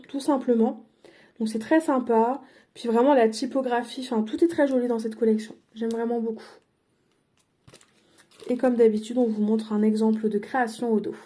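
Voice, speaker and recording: A woman with a slightly high, warm-toned voice shows off her craft purchases in a casual haul vlog. The crafting vlogger is chatty and hesitant, full of fillers and self-corrections.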